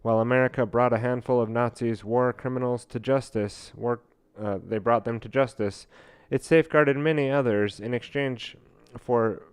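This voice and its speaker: A man's voice: mid-range voice, steady tone, clear, resonant tone, no echo. A man hosting a podcast, reading a book passage aloud and commenting on it, often stumbling with fillers and restarts. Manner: halting, many fillers and restarts while reading. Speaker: podcast host.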